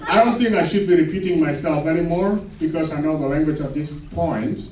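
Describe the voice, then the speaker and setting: A man with a Sudanese accent works through a stand-up set, landing his punchlines slow and deadpan. His slightly high voice carries from far off across an echoey club room. A crowd laughs loudly underneath, with steady noise. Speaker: stand-up comedian. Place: comedy club stage. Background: audience laughter.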